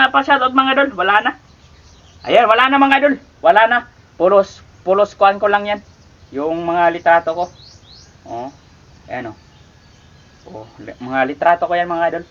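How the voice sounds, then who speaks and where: High, bright-voiced man on a lo-fi mic. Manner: stumbles over names, keeps saying "mga idol"; cheery, rising shoutouts. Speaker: vlogger reading viewer shoutouts. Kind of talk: casual shoutout vlog.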